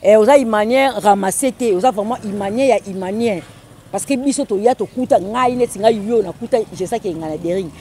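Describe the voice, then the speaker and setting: A woman conducting an interview. Her voice is warm and mellow, in a middle pitch for a woman. She talks steadily and keeps up a stream of soft murmured agreement. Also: brisk, slight background noise.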